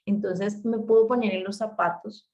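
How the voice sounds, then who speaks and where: A woman, a parenting educator giving a talk to parents in an emphatic, animated way, speaking directly to her listeners. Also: medium pitch, normal speed.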